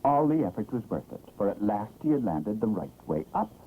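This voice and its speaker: A narrator telling a children's story in an expressive, theatrical vintage 1960s cartoon style. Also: mid-range voice, brisk. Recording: old tinny, noisy cartoon soundtrack.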